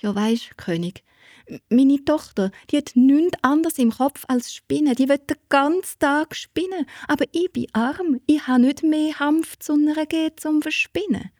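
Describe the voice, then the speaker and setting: A woman voicing a poor mother who lies nervously in a high, pleading voice. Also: unhurried, darkish tone, no echo, clean studio sound. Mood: flustered.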